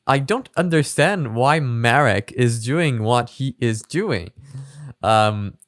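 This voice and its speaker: A man's voice: mid-range voice, a bit bright, no room sound, studio quality. Chatty man hosting a reaction video. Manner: chatty, rambling, with many fillers. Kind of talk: casual reaction commentary.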